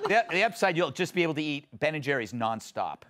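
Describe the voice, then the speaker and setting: A man's voice: fairly high pitch, sing-song, fast, a bit bright. A man hosting a comedic panel talk show, teasing his guests in a sardonic manner.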